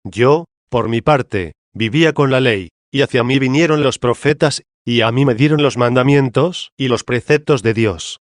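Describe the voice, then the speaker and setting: A man's voice: mid-range voice, moderate pace, no echo, studio quality, close to an everyday voice. A man voicing the Synagogue personified as a woman, in an argumentative, questioning audiobook reading of a theological dialogue. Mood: challenging. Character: the Synagogue as a challenging older woman.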